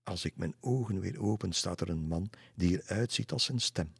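A man's voice: sits low, moderate pace, vocal fry, slightly rough, no echo, studio quality, exaggerated voice. A man voicing a brave, teasing young girl in a storybook reading, with a cheeky, mocking manner. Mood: wondering.

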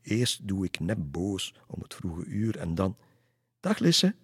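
A man's voice: deep voice, very animated, slow pace, slightly rough, no echo, clean studio sound, full character voice. A man doing a dreamy young schoolgirl. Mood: curious. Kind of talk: storybook reading.

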